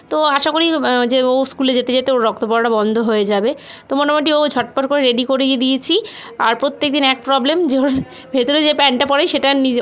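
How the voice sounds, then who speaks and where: A mother and home vlogger telling viewers about her busy day in a chatty, rambling voice-over. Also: high-pitched. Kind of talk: casual voice-over narration of a daily routine.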